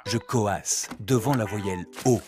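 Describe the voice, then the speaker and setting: A man voicing a proud, playful male cartoon letter who speaks in a low, self-assured, punning way. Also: unhurried, over music, close to an everyday voice. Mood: smug.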